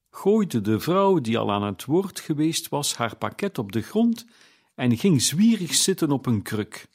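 Slow, steady male audiobook narrator. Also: mid-range voice. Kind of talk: scripted narration.

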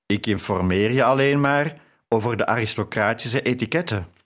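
Man doing a self-assured nobleman, teasing, commanding, a touch lower. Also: normal speed, fairly bright tone, close to an everyday voice.

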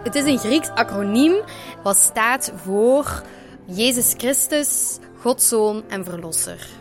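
Young woman, relaxed and reflective. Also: on the high side, takes it slowly, over music. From Belgian Limburg. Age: 20s. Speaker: interviewee, student. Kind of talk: casual interview.

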